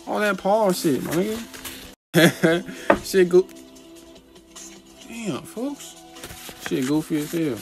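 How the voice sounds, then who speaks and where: Profane, rambling man over background music. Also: a little high. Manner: profane, slangy, rambling, gets animated. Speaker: motivational vlogger. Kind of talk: casual rambling monologue. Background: music playing in the background.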